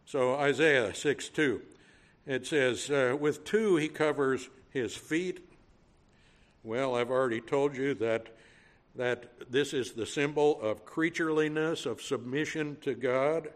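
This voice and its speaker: A Cajun man delivers a sermon at an unhurried pace. His voice sits at a middle pitch, and he builds emphasis by repeating words in a calm, teaching manner. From Louisiana. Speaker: preacher.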